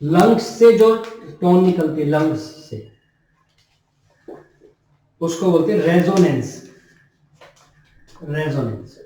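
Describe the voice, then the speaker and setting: High-voiced male teacher in an echoey room. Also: expressive, slow, pauses often, dark tone. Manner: repeats key terms and asks the class questions. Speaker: nursing teacher. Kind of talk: classroom lecture. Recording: very echoey room, mic far off.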